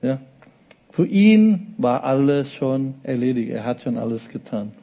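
A man's voice: mid-range voice, lively intonation, measured pace, vocal fry, highs cut off. A man preaching a sermon in a conversational way, often checking in with his listeners.

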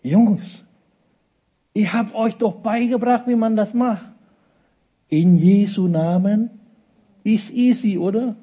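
Man doing a relaxed teacher figure, high teasing voice, husky, slow. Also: muffled recording, heavily acted. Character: easygoing male teacher chiding his followers.

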